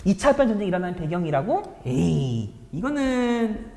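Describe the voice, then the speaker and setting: A woman's voice: on the high side, big pitch swings, normal speed, echoey room, in a large hall. A woman teacher walking students through exam problems in a chatty lecture, often checking in with rhetorical questions. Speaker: high school history teacher.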